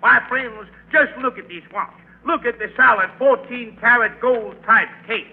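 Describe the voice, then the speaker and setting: A hustling auctioneer. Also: male voice, very high-pitched, measured pace, creaky, heavily acted. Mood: salesy. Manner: showy sales patter. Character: smooth-talking male auctioneer, hustler. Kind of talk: 1940s radio acting. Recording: tinny old radio broadcast.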